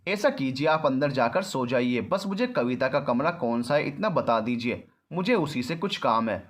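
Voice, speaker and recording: A man's voice: medium pitch, sing-song, moderate pace. A man voicing an arrogant, controlling young man in a storybook reading, rude and mocking. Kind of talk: storybook narration.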